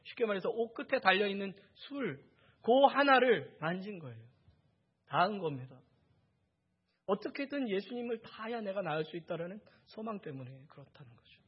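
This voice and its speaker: A male pastor with a high, breathy-edged voice delivers a sermon. He presses his points by repeating phrases and asking questions of his listeners. The recording sounds muffled and lo-fi. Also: sing-song, normal speed. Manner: asks the congregation rhetorical questions; builds emphasis through repeated phrases.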